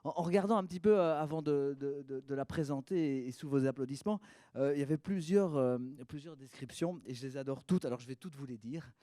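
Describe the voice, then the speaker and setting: A man hosting a cabaret show, introducing the acts lively with hesitant, repeated words. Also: mid-range voice, fast, no room sound, clean studio sound. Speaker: host.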